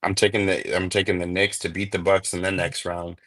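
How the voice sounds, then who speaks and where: Low-voiced laid-back sports host. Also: male voice, flat delivery, brisk, fairly bright tone. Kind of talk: casual sports talk.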